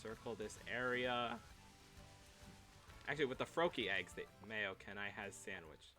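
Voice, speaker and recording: A young man chats through a game stream in a bright, forceful voice, teasing his viewers and laughing between lines. Faint music runs softly behind him. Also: fairly low pitch, normal speed. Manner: playful, chatty, reads chat aloud, frequent laughs. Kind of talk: casual livestream chat.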